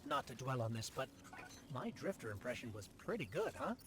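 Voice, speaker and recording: A man's voice: mid-range voice, very animated, fairly quick, noisy background, lightly acted. An actor playing a playful, joking young male adventurer in a game cutscene. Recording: game cutscene with music underneath.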